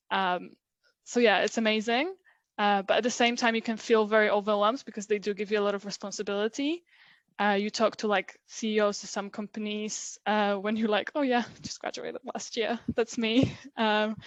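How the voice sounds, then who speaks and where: A woman's voice: mid-range voice, dry recording. Chatty young woman from Poland. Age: 20s. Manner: chatty, laughs often, many fillers. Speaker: interview guest, recent graduate. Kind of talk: casual video interview.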